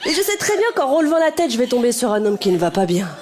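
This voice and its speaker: A woman stand-up comedian, talking directly to the audience on stage in a lively, energetic way. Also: fairly high pitch, quick pace. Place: on stage before a live audience. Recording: live stage with loud crowd noise.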